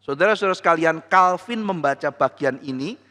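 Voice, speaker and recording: A man's voice: a little high, lively intonation, brisk, pushed and bright. A man, a pastor preaching a sermon who often addresses the congregation and acts out the dialogue of the people in his story. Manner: dramatizes dialogue, voicing quoted speakers. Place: large church hall. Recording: reverberant church hall.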